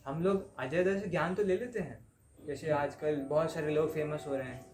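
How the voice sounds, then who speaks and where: A man's voice: on the high side, moderate pace, a little mellow, a little hiss or hum. Man giving a roomy devotional class. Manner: conversational, checks in with the listeners. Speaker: spiritual teacher. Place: class room with a live audience. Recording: roomy hall with faint ambience.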